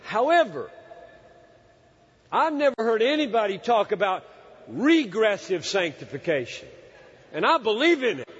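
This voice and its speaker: A man in his sixties preaching a sermon in an earnest, emphatic way, often pausing to search for words. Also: high-pitched, very animated, husky. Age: 60s. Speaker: pastor. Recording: dull hall recording with long reverb.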